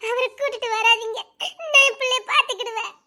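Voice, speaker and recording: A woman's voice: very high-pitched, steady tone, a little fast, sharp tone, heavily acted. An actress playing a distraught pregnant young woman pleading with her father through tears in a TV serial. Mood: pleading tearful. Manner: pleading, tearful. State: crying. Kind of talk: TV serial drama.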